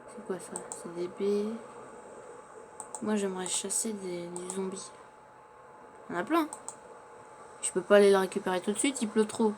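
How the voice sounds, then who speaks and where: With background noise in the recording, a man in a high voice plays a survival game in character, chatting along, narrating what he does, and often stumbling over words.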